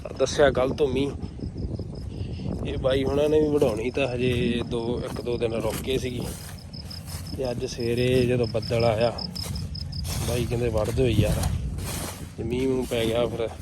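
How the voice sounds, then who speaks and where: Outdoor noise from machinery runs clearly behind a Punjabi man with a mid-range voice. He talks like a farm vlogger, casual and folksy, chatting to viewers and calling out to workers in everyday village speech. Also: medium pitch, level tone, moderate pace, pauses often. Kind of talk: casual vlog chat. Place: outdoors in farm fields beside a running harvester.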